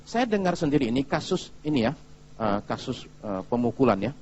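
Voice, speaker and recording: A male pastor giving a sermon in a lively, chatty storytelling manner, often turning to the congregation with asides. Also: medium pitch, brisk, muffled recording, a little hiss or hum.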